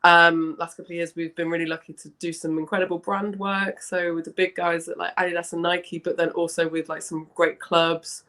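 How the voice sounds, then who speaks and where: Chatty young woman with a smoky, hoarse rasp. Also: lowish voice, little pitch movement, brisk, hardly any pauses, sharp tone. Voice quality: slightly husky, smoky rasp. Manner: chatty, rambling, self-correcting. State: hoarse from a bad cough. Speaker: interview guest, founder of a women's football fan community. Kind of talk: casual interview chat.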